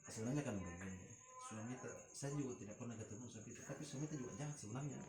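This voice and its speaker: A man's voice: mid-range voice, rapid-fire, reverberant, music in the background. Man alternating coaxing talk with prayer. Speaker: spiritual healer. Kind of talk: ritual session with prayers.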